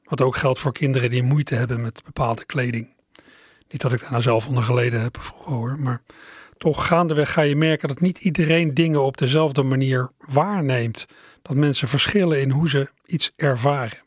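Middle-aged male radio host, slightly husky, close and dry, relaxed reflective chat. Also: medium pitch, normal speed, no room sound. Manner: musing, conversational, addresses listeners directly. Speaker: radio presenter.

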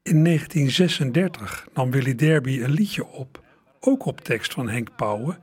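A man's voice: medium pitch, animated, normal speed, breathy edge. A man presenting old recordings to radio listeners in a chatty manner, speaking to them directly.

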